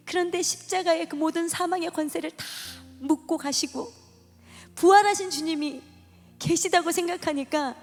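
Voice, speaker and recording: A woman telling an emotional personal testimony at a church gathering, with a dramatic, storytelling delivery. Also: sits high. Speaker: testimony speaker. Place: church hall. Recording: long hall reverb with music behind.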